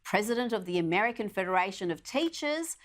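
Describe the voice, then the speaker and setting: A woman's voice: medium pitch, big pitch swings, fast. Sarcastic woman news host. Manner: sarcastic, mocking. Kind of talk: scripted opinion commentary.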